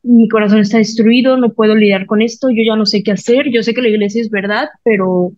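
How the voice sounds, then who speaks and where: A woman gives an emotional personal testimony, retelling conversations in animated voices. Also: on the high side, brisk, no echo, highs cut off. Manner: emotional, animated storytelling with lively retold quotes. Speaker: podcast guest.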